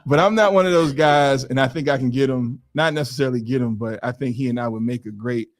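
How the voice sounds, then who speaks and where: A man's voice: medium pitch, fast talker. A man in his forties co-hosting a podcast, telling stories casually and acting out other people's lines. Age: 40s. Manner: animated storyteller, acts out others' voices. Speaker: podcast co-host. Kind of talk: casual chat.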